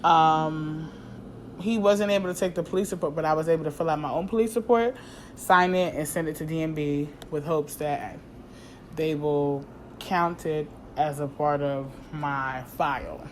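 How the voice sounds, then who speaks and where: A woman in her thirties telling a casual, profane story in a vlog, animated and slangy, acting out what people said to her. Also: deep voice, normal speed, a little hiss or hum. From New York. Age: 30s. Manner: animated, profane, slangy, acts out quoted dialogue. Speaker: vlogger.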